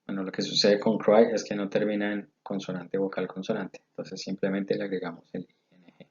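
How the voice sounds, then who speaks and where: A man giving a recorded English grammar lesson, explaining rules slowly and step by step. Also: low voice, level tone. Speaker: English teacher. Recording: dull lo-fi audio.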